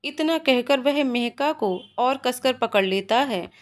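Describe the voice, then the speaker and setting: A woman narrates a romantic story in an even, scripted way. Her voice sits fairly high, and she reads at a steady pace. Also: takes it slowly.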